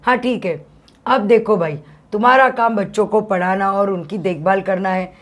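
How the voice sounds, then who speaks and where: A woman reading out a stern stingy master of the house, lecturing, counting money out slowly, read aloud from a story in class. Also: mid-range voice, close to an everyday voice. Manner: lecturing, drawn-out reckoning of money.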